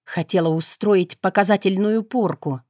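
A woman's voice: mid-range voice, normal speed, a little mellow, no echo. A woman reading a first-person audiobook in a wry, conversational manner, close to the mic. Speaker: audiobook narrator.

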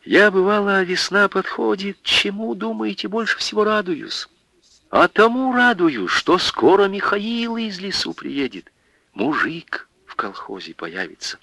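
A man's voice: high voice, very animated, a little slow, gravelly, pushed and bright, no room sound, voice pushed up, full character voice. A man doing a tearful, grateful village woman, Anfisa. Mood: heartfelt.

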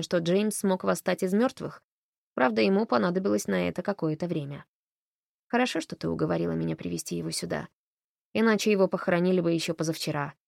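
Woman reading a calm, gentle woman. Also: lowish voice, gravelly, no echo, studio quality. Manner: soft, gentle, measured.

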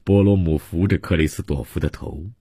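A man reading a serialized novel aloud for radio in a measured, deliberate narration. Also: low-pitched, dark tone, slightly rough, no room sound, clean studio sound. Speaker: storyteller.

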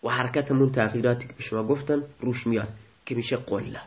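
A man giving a recorded grammar lesson, explaining step by step and repeating forms slowly. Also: medium pitch, fairly even intonation, muffled recording. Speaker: teacher.

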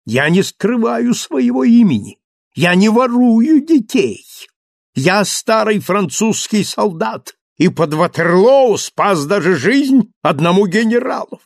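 A greedy, vicious innkeeper villain, as a male narrator puts him on, pitched well above the reader's own voice and gravelly at the edges. He gloats and rants with wide, lively swings of pitch. The storybook recording is dry and close. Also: slow pace, dry recording, exaggerated voice. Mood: ranting. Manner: gloating, snarling, ranting. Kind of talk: audiobook character reading.

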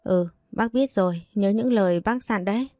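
A woman's voice: mid-range voice, normal speed, mellow, no room sound, clean studio sound, natural voice. A woman voicing a tender, motherly older aunt from the countryside in a read-aloud storybook.

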